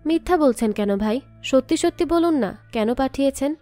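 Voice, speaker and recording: A woman's voice: sits high, expressive, brisk, mellow, soft background music. A woman reading an accusing sister-in-law. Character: sharp-tongued sister-in-law.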